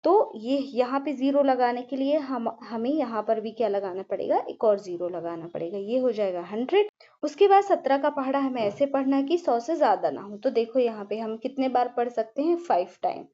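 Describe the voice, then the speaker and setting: A woman's voice: on the high side, brisk, warm tone, lo-fi sound. A woman teacher walking through a maths problem step by step, patiently checking in with the class and answering her own questions. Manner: patient, repeats "ठीक है" and asks herself questions.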